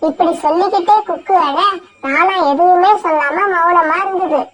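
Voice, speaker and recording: A woman narrating a children's cartoon story in an animated storytelling manner. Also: very high-pitched, moderate pace, dull audio, soft background music.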